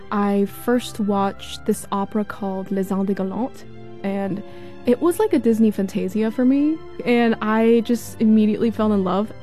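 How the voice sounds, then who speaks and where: A woman's voice: fairly high pitch, warm tone. A woman from South Korea, an opera singer, talking enthusiastically about her start.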